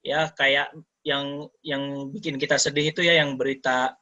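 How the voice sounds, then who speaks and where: Lively man teaching over a dull call line. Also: mid-range voice, unhurried. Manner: lively, mixes in English terms, acts out quoted parents. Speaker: educator giving a talk. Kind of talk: online sharing session talk.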